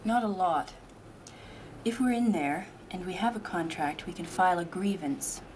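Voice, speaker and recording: A woman's voice: on the low side, lively intonation, normal speed, a little mellow, natural voice. A practical union organizer, played by a woman, explains things plainly and without fuss. Faint noise sits under the scene. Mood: frank. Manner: plain-spoken, matter-of-fact. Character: practical female union organizer, frank and supportive.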